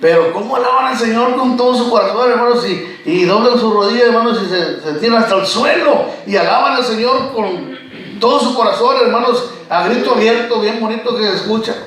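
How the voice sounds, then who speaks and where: A man's voice: extremely high pitch, fairly quick, a bit bright. A man preaching a sermon, telling stories and often calling out to his listeners as brothers. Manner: storytelling, keeps addressing listeners as brothers. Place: church. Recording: echoey church recorded from far off.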